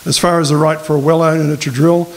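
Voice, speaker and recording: In a community hall, a middle-aged Australian man running for office gives a speech and takes questions at a public forum, speaking plainly into a stand mic at a lectern. His fairly high, creaky voice moves fast with a flat delivery, and he restarts hesitantly when answering. Faint hiss runs under the recording.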